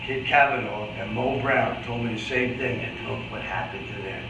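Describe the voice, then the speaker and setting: Playing a world-weary boxing manager at a live staged reading, a man delivers a stern, blunt, matter-of-fact warning to his fighter. His mid-range voice sits close to everyday speech at a moderate pace over music, caught by a distant camera mic in an echoey, noisy, roomy indoor space.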